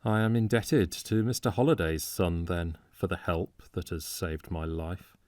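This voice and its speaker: An audiobook reader voicing a bitter young male medical student who talks with harsh, mocking sarcasm, in a low-pitched voice. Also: unhurried, darkish tone, no echo, studio quality. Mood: sarcastic.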